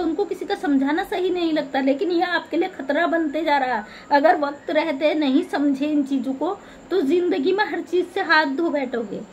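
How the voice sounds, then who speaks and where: A middle-aged woman speaks in a very high voice, lecturing and pleading with her viewers in a preachy, scolding way. Faint noise hums behind her. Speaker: social media vlogger. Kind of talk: earnest direct-to-camera appeal.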